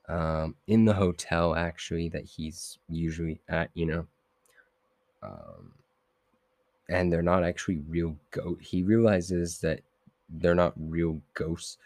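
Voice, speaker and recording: A man's voice: low-pitched, measured pace, darkish tone, dry recording. A young man hosting a podcast, casually recapping comic issues in a loose, rambling way full of fillers and self-corrections. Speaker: podcast host.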